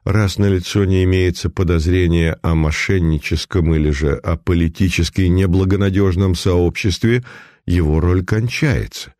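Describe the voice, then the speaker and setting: A male audiobook narrator with a very deep, dark voice tells the story at a measured pace. The sound is dry and close to the mic, with no room around it. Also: dry recording. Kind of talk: scripted narration.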